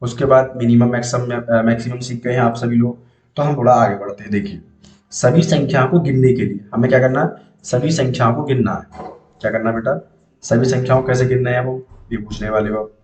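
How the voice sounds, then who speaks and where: A man's voice: medium pitch, fairly even intonation, a little fast, darkish tone, roomy sound. A man teaching spreadsheet basics step by step, asking and answering his own questions. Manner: explains step by step, repeats questions to students. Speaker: computer teacher. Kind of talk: screen-recorded spreadsheet tutorial.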